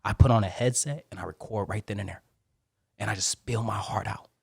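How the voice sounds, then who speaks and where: Gravelly, husky and darkish in tone, this man's fairly low voice moves fairly quickly as he opens up with heartfelt emotion on a podcast. The casual interview happens in person with the host in a studio, captured on a studio microphone at studio quality, with no echo.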